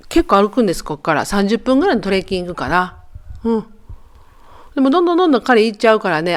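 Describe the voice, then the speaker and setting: A woman in her sixties with a Kansai accent, narrating her travel vlog in a chatty, joking way, as if talking to friends. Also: medium pitch. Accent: Kansai Japanese. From Japan. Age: 60s. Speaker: travel vlogger. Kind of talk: casual voice-over narration.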